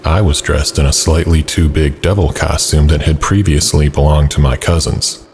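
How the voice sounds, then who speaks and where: A man's voice: a bass voice, steady tone, normal speed, darkish tone, a little hiss or hum. A man narrating a scripted first-person story as a storyteller.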